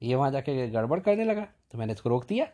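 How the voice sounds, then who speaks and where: A man voicing a cunning young male servant who loudly fakes alarm and grief. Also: sing-song, fast talker, lightly acted. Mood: sly excuses. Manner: loud, high, wailing fake alarm.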